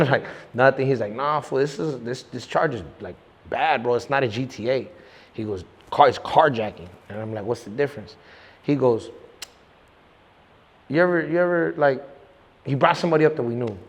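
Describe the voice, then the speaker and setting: Recorded in a large hall, this young man speaks at medium pitch as an interview guest. His story comes out casual and rambling, full of slang, false starts and repeated "you know what I'm saying."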